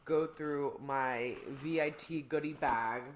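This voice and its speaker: A woman's voice: sits low, slow, slight background noise. A woman hosts a casual podcast chat. She talks in a loose, rambling way, full of slang, as if catching up with a friend. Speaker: podcast host.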